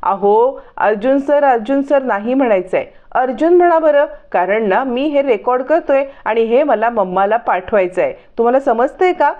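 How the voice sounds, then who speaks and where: A young husband coaxing and insisting that his wife speak up, read out by a woman narrator. The voice sits a little high and comes through a dull, lo-fi recording. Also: expressive, normal speed, hardly any pauses, lightly acted.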